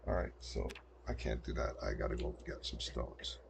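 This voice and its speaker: An older man with a bass voice mutters to himself at a desk mic while he plays, giving casual gameplay commentary as a streamer. His pitch swings widely, his speed is normal, and there's vocal fry over a noisy background.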